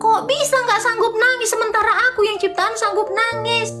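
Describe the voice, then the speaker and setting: High-voiced teasing woman streamer, music behind. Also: flat delivery, a little fast. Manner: teasing, mocking, sing-song rhetorical questions. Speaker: livestream host debating viewers. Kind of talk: casual livestream apologetics debate.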